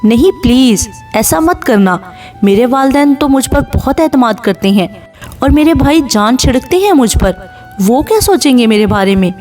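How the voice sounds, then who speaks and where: A woman's voice: high-pitched, expressive, darkish tone, soft background music. A woman voicing a distraught young woman who pleads on the phone, tearful and strained.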